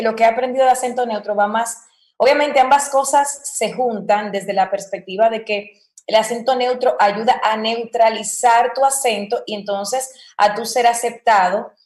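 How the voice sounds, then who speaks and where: A woman's voice: fairly high pitch, echoey room. A Dominican woman speaking as a guest voice-over mentor in casual interview talk, acting out example lines in varied voices. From Dominican Republic.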